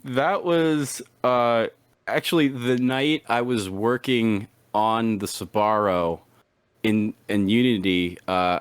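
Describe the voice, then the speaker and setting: Guest: man, low voice, dry close sound, rambling chat with repeated words and acted-out thoughts. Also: clear, resonant tone, no room sound. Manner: rambling, repeats words, acts out his own past thoughts in a raised voice. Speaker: interview guest. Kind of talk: casual chat.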